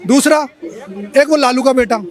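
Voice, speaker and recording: Guy with a very high voice, blunt and mocking, street debate. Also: moderate pace, a faint crowd. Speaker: street interviewee. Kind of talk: heated political argument.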